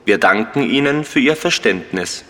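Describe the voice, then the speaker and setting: A man's voice: medium pitch, expressive, a bit bright, in a large hall. A man as subway announcer over the PA. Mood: formal. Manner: formal, measured delivery. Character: male subway station announcer, formal and measured. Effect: station PA announcement. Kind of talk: scripted exam listening announcement.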